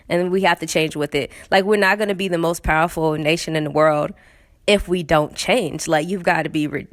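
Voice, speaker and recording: A woman hosting a podcast, riffing in a casual comedic monologue, animated and sarcastic, with lots of fillers and laughter. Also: on the low side, dry recording, studio quality. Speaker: podcast host.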